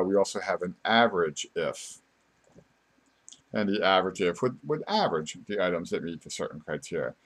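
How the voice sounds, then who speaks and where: A man with a low-pitched voice teaches software on screen. He talks through each step in an informal, unscripted way. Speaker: software tutorial instructor. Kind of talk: step-by-step screen tutorial narration.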